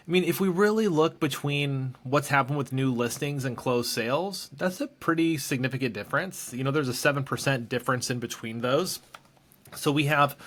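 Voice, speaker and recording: A man at a middle pitch hosts a casual podcast conversation. He jokes lightly, then walks through market statistics in a steady, plain way. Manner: joking, relaxed, runs through figures. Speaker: podcast host. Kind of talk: casual real estate podcast chat.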